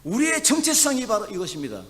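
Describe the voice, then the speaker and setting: A man from Chungcheong preaching as pastor, moving between soft, quiet asides and loud, emphatic passages. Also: high-pitched, huge pitch swings, quick pace. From Chungcheong, South Korea. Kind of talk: sermon. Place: church sanctuary. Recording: long church hall reverb.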